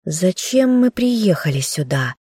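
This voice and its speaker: A haughty noble aunt grumbles with squeamish disdain, as a woman narrator reads her lines. The voice is mellow and warm, recorded dry and close for an audiobook. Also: lowish voice, unhurried, husky, no echo. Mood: disdainful.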